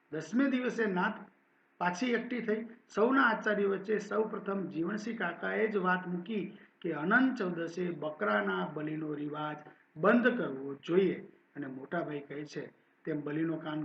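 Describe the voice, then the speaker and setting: A male college professor reading a literary text aloud in a measured, expressive way and then explaining it as a lecture. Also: sits high, reverberant, lo-fi sound.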